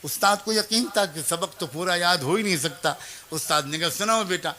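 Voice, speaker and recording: A man delivers a sermon as a moving story, his voice high and bright. He speaks the lines of the teacher, the child and the mother himself, with plenty of feeling. Now and then he turns to address mothers and young people directly. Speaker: preacher.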